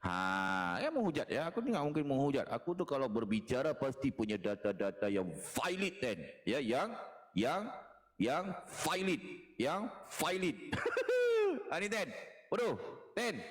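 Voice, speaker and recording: A man's voice: medium pitch, sing-song, normal speed. A man delivering a mocking, taunting monologue in a lecturing tone, repeating phrases and chuckling as he jeers. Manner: mocking, jeering, with frequent chuckles. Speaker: online religious commentator.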